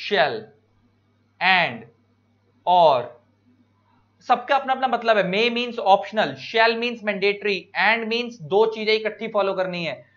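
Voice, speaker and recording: An Indian man lecturing students, explaining each point slowly with examples and stretching key words. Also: high-pitched, a bit bright. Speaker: teacher. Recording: dull lo-fi recording.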